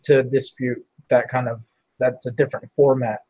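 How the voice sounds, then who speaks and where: A man with a husky voice chatting casually on a livestream, over a slightly dull, lo-fi connection. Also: mid-range voice, little pitch movement, moderate pace, darkish tone, no room sound.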